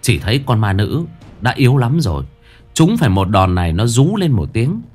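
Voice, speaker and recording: A man narrating a ghost story in a dramatic, lively way. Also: mid-range voice, normal speed, soft background music.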